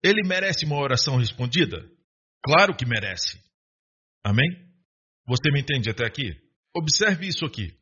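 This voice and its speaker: A man's voice: medium pitch, big pitch swings, moderate pace, long pauses, sharp tone, breathy edge, highs cut off. A man, preaching a sermon and often asking the congregation rhetorical questions and calling for an amen.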